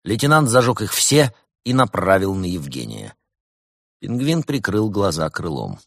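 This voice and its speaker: A man narrating a comic animal story in an expressive audiobook style. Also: on the low side, unhurried, gravelly, no room sound, studio quality.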